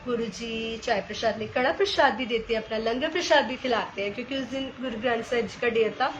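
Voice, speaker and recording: A woman sharing a personal devotional testimony in an animated storytelling way, slipping English phrases into her talk. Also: on the high side, a little fast, highs cut off, slight background noise. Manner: addresses listeners as sangat ji.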